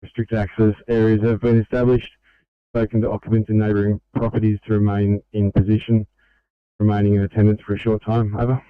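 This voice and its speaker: An Australian man giving emergency situation reports over a two-way radio, in slow, clipped, formal radio procedure. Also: fairly low pitch, flat delivery, clean tone, no room sound. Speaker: emergency crew radio operator. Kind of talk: radio dispatch traffic. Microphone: handheld two-way radio. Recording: muffled scanner radio audio.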